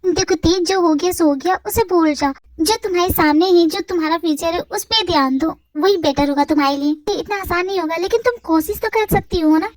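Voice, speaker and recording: A woman voicing a middle-aged aunt who gently persuades and reassures. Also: extremely high pitch, a little fast, hardly any pauses. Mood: coaxing. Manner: persuasive, soothing. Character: coaxing middle-aged aunt, mother's friend.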